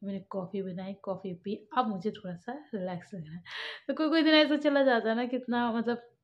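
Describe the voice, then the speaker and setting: A woman's voice: a little high, fairly even intonation, brisk, lo-fi sound. A young woman chatting casually in a home family vlog, talking about daily life and scolding her children firmly at times. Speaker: family vlogger.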